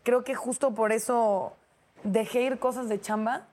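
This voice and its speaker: A woman's voice: a little high, steady tone, measured pace, a little mellow. A Mexican woman on a talk show panel, talking candidly and casually about her own habits. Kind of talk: casual chat.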